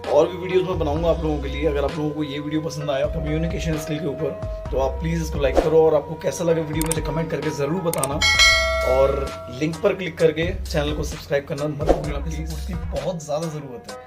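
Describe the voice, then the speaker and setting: A man giving communication tips to his video audience in a calm, unhurried, deliberate way. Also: a little high, loud music behind the voice. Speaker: YouTube self-help creator. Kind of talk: casual advice talk to camera.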